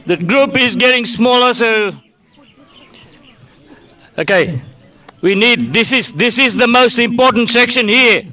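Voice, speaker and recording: A man's voice: very high voice, a little slow, long pauses, bright, forceful tone. A man speaking casually as a tour guide, announcing to a group at a festival.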